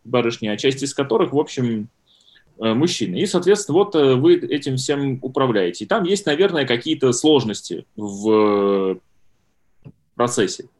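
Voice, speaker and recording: A man's voice: mid-range voice, animated, normal speed, darkish tone. A man in his thirties hosting an interview, talking in a rambling, self-deprecating way with many fillers and restarts. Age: 30s. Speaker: podcast host. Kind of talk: casual interview chat.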